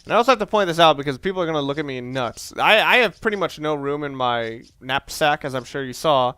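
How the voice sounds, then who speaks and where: This let's play commentator is a fast talker whose slightly high voice sounds expressive, pushed and bright. The audio is smooth with no echo. He meanders casually through his video game commentary with wry humor, frequently interrupting himself to restart.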